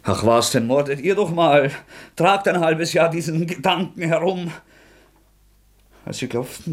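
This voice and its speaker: A male actor voices a young, tormented killer for a radio play, alternating between scornful taunts, frantic outbursts and quiet whispers. The voice is gravelly and husky, pitched a little high.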